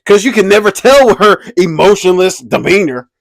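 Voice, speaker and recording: Animated slangy young man, dry sound. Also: sits high, moderate pace, vocal fry, no echo. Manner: animated, slangy, laughs often. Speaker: commentary video host. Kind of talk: casual pop-culture commentary.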